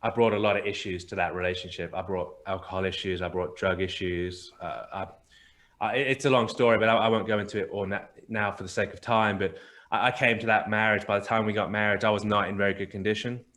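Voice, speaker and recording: A man's voice: on the low side, fairly even intonation, quick pace, a bit bright. A man on a podcast as a guest, earnestly telling a personal story and often repeating words as he restarts phrases.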